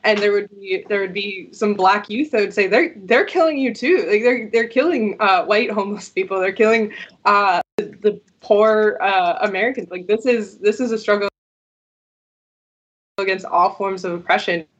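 A woman's voice: mid-range voice, normal speed, slightly rough. Woman on a glitching video call. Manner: hesitant, many fillers. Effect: glitching, cutting-out audio. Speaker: panel guest. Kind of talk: online panel discussion. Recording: dull lo-fi call audio.

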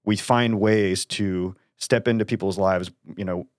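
A man's voice: lowish voice, fairly even intonation, measured pace, no room sound, clean studio sound. A man hosting a casual Bible study discussion, talking hesitantly with many fillers. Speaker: host of a Bible study podcast.

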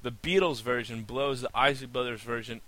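Chatty laid back guy cohosting, bright voice, mid pitch. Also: normal speed, no room sound. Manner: easygoing, chatty, laughs often. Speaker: podcast co-host. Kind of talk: casual chat.

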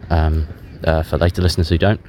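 Out walking in a public park, a podcast host records a candid audio diary on a handheld voice recorder, park ambience audible in the background. His very deep, darkish voice barely moves in pitch, and he sounds subdued and self-deprecating, halting often and pausing at length.

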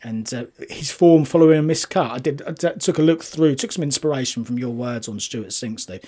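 A man talking through golf form, statistics and betting picks as a commentator, in a conversational, analytical way with a slightly husky voice. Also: mid-range voice, a little fast, mellow.

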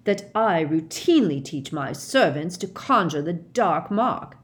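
A woman's voice: fairly low pitch, expressive, measured pace. A woman voicing a senior male wizard official who speaks with cold, clipped anger. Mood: cold fury.

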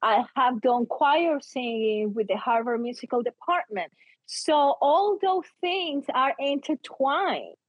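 A woman with a non-native English accent, a teacher, performer and book co-author, tells personal stories as an interview guest, emphatic and theatrical, often voicing her own thoughts aloud. Her high voice is animated and slow with a breathy edge. The recording is muffled, with no echo.

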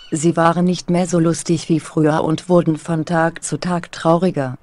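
A synthetic woman's voice narrating a German fairy tale in an even, unhurried storybook manner. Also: on the low side. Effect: synthetic speech.

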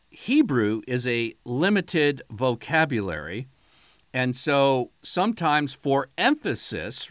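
A man preaching a sermon, with emphatic, dramatic swings in pitch and loudness. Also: no echo.

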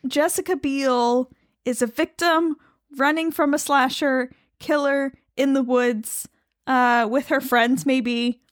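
A woman's voice: sits high, steady tone, slow pace, no room sound, clean studio sound. A woman from New York's capital region with a faint upstate New York accent, co-hosting a podcast in a playful, teasing way. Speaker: podcast co-host. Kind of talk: casual chat.

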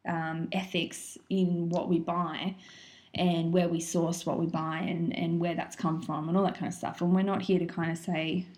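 A woman's voice: on the low side, level tone, moderate pace, a little mellow. A woman chatting casually and explaining things in an informal way, as a wellness course presenter. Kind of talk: casual chat.

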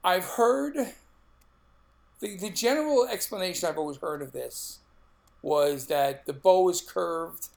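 Male podcast co-host, Brooklyn accent, middle-aged, casual talk, raised pitch with plenty of fry. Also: animated, unhurried. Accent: Brooklyn, New York.

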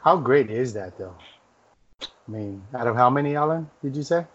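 A man's voice: mid-range voice, expressive, normal speed, husky. A man chatting casually as a podcast co-host. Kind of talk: casual chat. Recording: slightly dull, lo-fi podcast audio.

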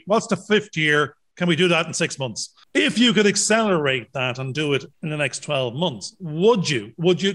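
A man's voice: a little high, a bit bright. A man chatting casually as a mentor, putting points across by acting out imagined bits of dialogue. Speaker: mentor and interviewer with accountancy background. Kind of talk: casual chat.

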